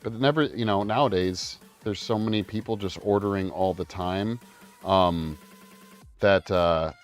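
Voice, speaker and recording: A man chatting casually on a livestream call, talkative and quick to laugh, with plenty of ums and uhs. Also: low-pitched. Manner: chatty, laughs often, many fillers. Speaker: streamer. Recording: faint music behind. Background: faint background music.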